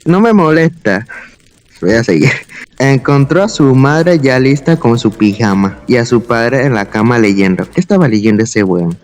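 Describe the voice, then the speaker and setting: A man's voice: medium pitch, expressive, normal speed, a little mellow, long reverb tail. A man reads a homemade horror story in a casual late-night chat. He keeps stopping to poke fun at the clumsy writing, and his voice sits in an ordinary middle range. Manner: mocking, laughs at and comments on his own old writing. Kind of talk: casual reading of a horror story with joking asides.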